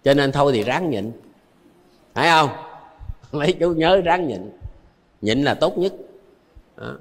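Older Southern Vietnamese monk, chuckling. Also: male voice, on the high side, lively intonation, measured pace, big-room sound. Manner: chuckles often while telling anecdotes; repeats phrases for emphasis. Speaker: Buddhist monk teacher. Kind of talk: dharma talk with storytelling.

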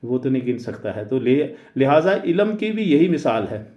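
A man teaching in a deliberate lecture, pausing often on "uh" and mixing English phrases into his speech. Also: mid-range voice, very animated, mellow. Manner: deliberate, hesitant with frequent "uh" fillers. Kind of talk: explanatory lecture. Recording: roomy, dull lo-fi recording.

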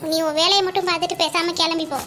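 A woman voicing a stern, sharp-tongued middle-aged mother in a cartoon, talking in a harsh, bossy scolding manner. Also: very high-pitched, fairly even intonation, very fast, soft background music. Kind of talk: cartoon dialogue acting.

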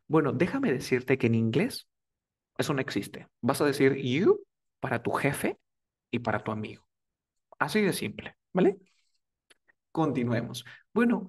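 Speaking at a medium pitch and sitting far from the mic, a man leads a casual English lesson in a coaching style. He repeats words for practice and keeps checking in by asking "¿vale?".

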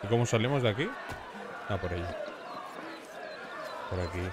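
A man's voice: on the low side, moderate pace, a loud crowd, very noisy. A man with an accent from Spain giving casual, foul-mouthed, joking commentary as he streams a video game. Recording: music from the game behind. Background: video game music.

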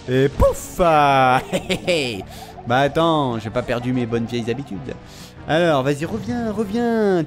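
A young man commentating a video game, excitable and slangy, taunting the enemies he fights. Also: a little high. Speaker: gamer. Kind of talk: let's play commentary.

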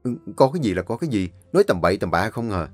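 A man's voice: medium pitch, normal speed, darkish tone, faint music behind, close to an everyday voice. A man voicing a scheming man who sweet-talks his mother-in-law. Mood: snapping. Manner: sweet-talking, snapping when crossed.

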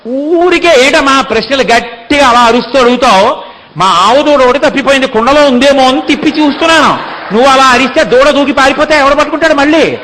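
A man voicing the cheeky, quick-witted little boy Krishna, brazenly talking back. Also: very high-pitched, sharp tone, in a large hall, slight background noise, voice pushed up, low-quality recording. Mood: indignant.

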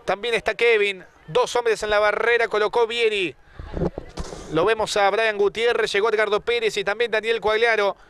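High, bright male football commentator. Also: fairly even intonation, normal speed, a little hiss or hum. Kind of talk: live football play-by-play commentary.

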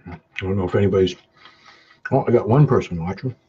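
A man's voice: quick pace, mellow. A man casually chatting on a live webcam stream while eating spicy pizza, humming and chewing between short remarks, sweating from the peppers. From Canada. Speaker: hot sauce vlogger. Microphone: webcam mic. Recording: dull low-fi webcam audio with faint noise.

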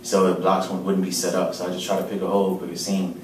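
Man, deep voice, flat delivery, press conference, roomy echo. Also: fast talker, slight background noise. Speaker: football player at a postgame press conference. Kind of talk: postgame press conference answers. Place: large press room. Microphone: table mic, heard from a distance. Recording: roomy, distant press room audio.

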